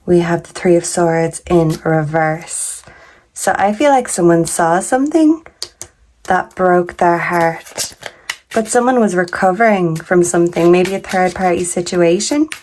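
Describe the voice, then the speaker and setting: A woman reading tarot cards in a relaxed, casual way. She is sick, so her voice sits low and deeper than normal. She speaks slowly and haltingly, pausing and sometimes tripping over a word. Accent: Canadian. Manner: slow, halting, stumbles over words. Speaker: tarot reader.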